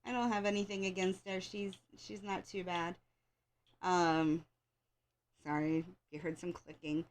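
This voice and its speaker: An American woman with a lowish voice hosts a wrestling show, speaking at a measured pace with flat delivery. Her voice is slightly congested and scratchy, and she rambles casually like an opinionated fan, repeating phrases in informal chat.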